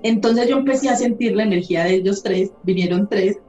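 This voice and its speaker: A holistic therapist chats candidly on a podcast, cursing casually while telling stories. Her medium-pitched voice is dark and fairly quick. The recording sounds roomy and a bit dull, with faint music.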